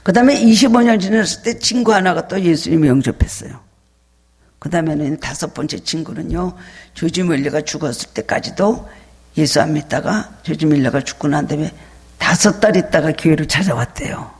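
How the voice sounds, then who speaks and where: A man preaches an emphatic sermon in a fairly high, gravelly and breathy voice. His words ring out with long reverb through a church sanctuary. He sometimes acts out a child's pleading voice. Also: brisk. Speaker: pastor.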